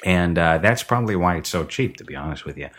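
A man's voice: low-pitched, animated, quick pace, fairly bright tone. A man hosting a podcast, rambling and opinionated in casual film review chat, recorded with reverb in an empty basement. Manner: rambling, opinionated, self-correcting. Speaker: podcast host.

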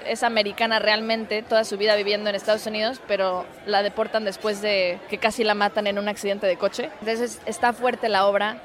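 A woman's voice: medium pitch, flat delivery, fairly quick, few pauses. A woman, a musical theater actress telling a story in a casual interview, with lots of restarts and fillers. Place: outdoors in a city.

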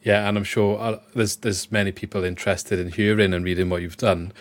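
Low-pitched Swansea man hosting. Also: little pitch movement, fairly quick. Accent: Swansea Welsh. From Swansea, Wales. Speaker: podcast host. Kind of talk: conversational podcast hosting.

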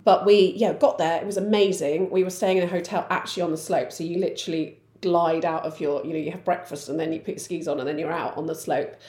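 A woman in her forties co-hosting a podcast, telling stories in an animated, laughing way. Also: on the low side, fast talker, hardly any pauses. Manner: animated storyteller, laughs often. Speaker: podcast co-host. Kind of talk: casual chat. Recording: roomy echo.

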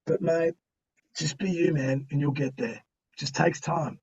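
High-voiced, gravelly, blokey Australian man. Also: fairly even intonation, measured pace, darkish tone, far from the mic, dull audio. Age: middle-aged. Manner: blokey, emphatic, slangy, peppers talk with "man" and "mate". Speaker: podcast guest. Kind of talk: animated interview storytelling and motivational chat.

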